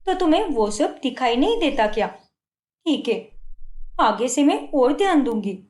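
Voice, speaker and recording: A woman's voice: sits high, sing-song, a little slow, darkish tone, reverberant. A young woman voicing a patient, hurt but dutiful wife in a cartoon, pleading and defensive. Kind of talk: Hindi cartoon dubbing.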